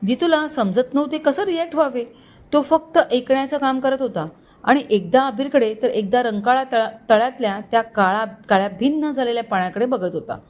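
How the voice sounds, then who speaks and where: A woman storyteller reading a romantic story aloud in a steady, expressive way. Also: on the high side, fairly quick. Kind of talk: scripted story narration.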